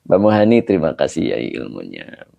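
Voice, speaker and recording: A male preacher winds down his online study session, reading out viewer names and comments in a relaxed, joking way. His voice is deep and gravelly, with a dark, mellow tone. It sounds dry and close, with no room around it. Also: moderate pace, no room sound, highs cut off. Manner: chatty, laughing, switches between Indonesian, Javanese, Sundanese and Arabic. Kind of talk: casual livestream closing, reading comments aloud.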